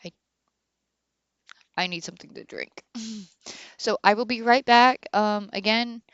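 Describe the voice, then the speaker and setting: A woman's voice: on the high side, unhurried, a bit bright, clean tone, no room sound, dull audio. A woman in her thirties streaming a game, chatting candidly and rambling with many fillers. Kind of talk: casual chat while streaming a game.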